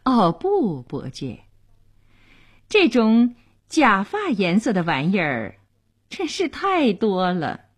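A woman's voice: medium pitch, wildly swooping pitch, takes it slowly, pauses often, slightly rough, no echo, exaggerated voice. A woman voicing a sly society lady who speaks in a teasing, mocking way, in a radio storytelling reading.

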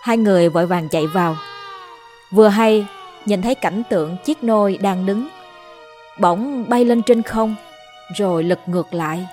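A woman reading a ghost story aloud as a storyteller in steady scripted narration. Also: mid-range voice, moderate pace, long pauses. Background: faint music.

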